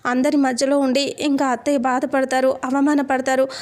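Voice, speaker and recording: A tearful young wife begging her elder sister again and again, as a woman reads her part. The voice is high and sits on a narrow, flat line, and the pleading stays quiet and unstaged. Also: a little fast, natural voice. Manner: pleading, addresses sister as akka.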